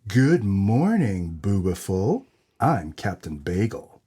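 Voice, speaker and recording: A man's voice: low-pitched, very animated, slow pace, warm tone, slightly rough, full character voice. A man playing a brash, dim hard-boiled noir detective in a comedic audio drama, with a tough-guy delivery. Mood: smarmy.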